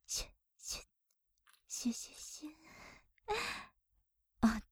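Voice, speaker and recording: A young woman voicing a polite, playful maid who teases her young master, with soft giggles and whispered passages, recorded on a close microphone. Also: fairly high pitch, unhurried, no room sound, natural voice. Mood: teasing. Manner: polite, softly teasing, with breathy giggles. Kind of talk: whispered role-play.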